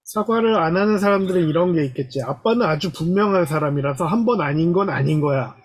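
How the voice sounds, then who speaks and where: Husky high-pitched father. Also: animated, fast. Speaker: panelist father. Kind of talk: casual parenting talk.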